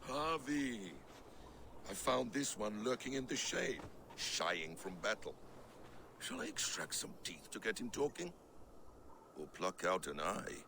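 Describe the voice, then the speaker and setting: An actor voicing a sly, menacing Norse trickster god in a video game, with theatrical, taunting speech. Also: male voice, mid-range voice, sing-song, a little slow, gravelly, pauses often. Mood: taunting menace. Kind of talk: video game character acting. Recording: noisy game ambience behind.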